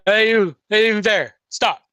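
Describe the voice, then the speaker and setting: Man playing a gruff, challenging city guard. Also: high voice, a little slow, bright, forceful tone, voice pushed up. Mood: commanding. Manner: challenging, sceptical. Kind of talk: tabletop role-play voice acting.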